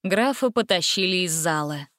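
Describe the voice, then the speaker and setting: A woman narrating a fairy-tale audiobook in an expressive, steady reading style. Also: lowish voice, moderate pace, dry recording, studio quality. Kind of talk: storybook narration.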